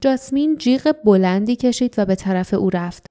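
A woman narrating an audiobook in a calm, even storytelling manner. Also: medium pitch, clear, resonant tone.

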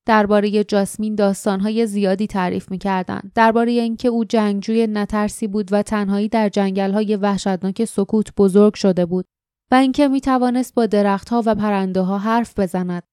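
A woman narrating an audiobook in a steady, measured storytelling manner. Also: medium pitch, clear, resonant tone, no echo, studio quality.

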